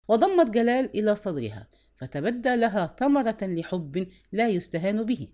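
A woman narrating a literary novel as an audiobook, with expressive, varied intonation. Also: medium pitch.

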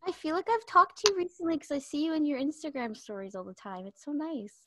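A woman's voice: sits high, quick pace, fairly bright tone, dry recording. Giggly young woman podcast host. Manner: giggly, chatty, lots of "like". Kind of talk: casual chat.

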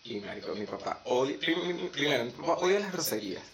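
A man's voice: on the high side, a little fast, a little hiss or hum. A young man with a Venezuelan accent, telling stories in a casual, slangy chat. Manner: animated storytelling with slangy asides.

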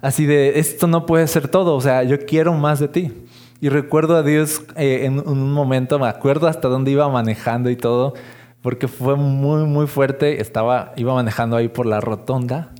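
A man preaching a sermon in a conversational way, slowing down for the lines he quotes. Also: mid-range voice, fairly even intonation, darkish tone.

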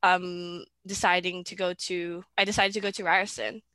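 A woman's voice: on the low side, flat delivery, normal speed, bright, forceful tone, clear, resonant tone, dry recording. Hesitant young woman on a video call. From Philippines. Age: 20s. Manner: hesitant, many fillers and restarts, giggly. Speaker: podcast guest. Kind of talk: casual video-call interview.

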